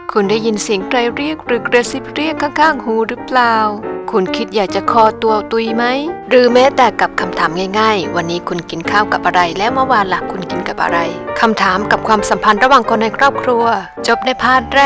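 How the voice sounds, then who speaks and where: A middle-aged woman telling her own story in a candid, reflective way for her vlog. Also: on the high side. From Thailand. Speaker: vlogger. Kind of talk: personal narration. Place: home in Japan.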